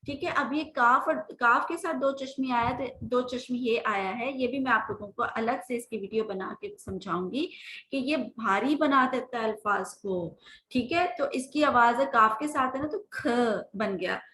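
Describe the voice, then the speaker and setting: A woman's voice: a little high, moderate pace, sharp tone, echoey room, a little hiss or hum, low-quality recording. A woman teaching Urdu letter sounds to beginners, patiently drawing out each sound and checking in with "theek hai". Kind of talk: slow phonics lesson with slides.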